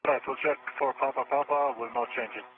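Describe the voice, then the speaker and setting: A man's voice: medium pitch, steady tone, fast talker, breathy edge. A man on a spacewalk giving brief, matter-of-fact acknowledgements over a distant, crackly radio link like a spaceship communicator. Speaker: astronaut on a spacewalk. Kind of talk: radio replies during spacewalk. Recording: tinny distant radio with faint hum.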